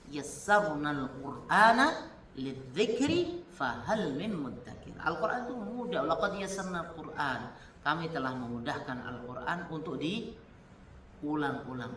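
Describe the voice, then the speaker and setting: Male teacher from Indonesia running a Quran reading class, bright voice, some distance from the mic. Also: on the high side, a little hiss or hum. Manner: demonstrates Arabic letter sounds aloud, repeating them. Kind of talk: Quran recitation lesson. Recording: echoey room, speaker off-mic.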